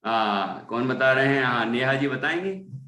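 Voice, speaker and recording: A man teaching a class, patiently correcting recitation and repeating syllables slowly. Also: medium pitch, lively intonation, pushed and bright, reverberant, poor audio. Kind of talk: online class correcting pronunciation.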